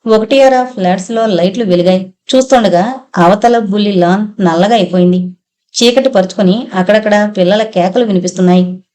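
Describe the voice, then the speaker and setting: A woman's voice: medium pitch, brisk, dark tone. A woman narrating a novel as an audiobook reader, shifting slightly for dialogue. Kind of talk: novel read aloud, voicing characters.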